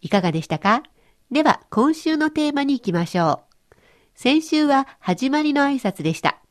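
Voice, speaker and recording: A woman's voice: high-pitched, normal speed. A woman presenting a radio language lesson, explaining cheerfully. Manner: cheerful explaining, lively intonation. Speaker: language teacher.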